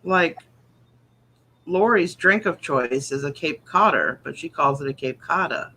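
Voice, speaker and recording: A woman's voice: sits low, animated, unhurried, pushed and bright. A woman co-hosting a live show in casual chat, with a teasing, correcting manner. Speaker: live online show co-host. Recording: clear background noise.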